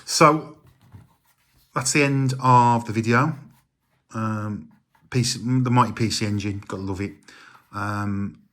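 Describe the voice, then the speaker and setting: A man's voice: on the low side, slow pace, long pauses. A middle-aged man, chatting casually about his retro game collection with lots of ums and uhs. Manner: relaxed, rambling, many ums and uhs.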